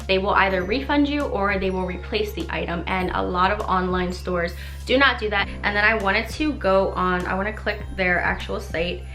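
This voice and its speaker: In a roomy-sounding space, a young woman talks through a makeup tutorial in a mid-range, pushed, bright voice. Her casual chat is rambling and playful, with a slightly congested, nasal quality typical of this beauty vlogger.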